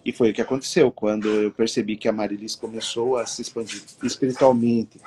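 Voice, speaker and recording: A man co-hosting a casual podcast chat, telling a personal story with lots of filler tags and getting animated in the retelling. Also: fairly low pitch, fairly quick, slight background noise. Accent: Brazilian Portuguese. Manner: storytelling, lively when retelling. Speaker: podcast co-host.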